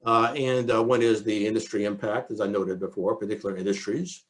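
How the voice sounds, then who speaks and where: Man, older, academic lecture, lowish voice, hesitant, filler-heavy, chuckles at asides. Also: steady tone, fairly quick. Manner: hesitant, many fillers and restarts. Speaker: economist giving a presidential address.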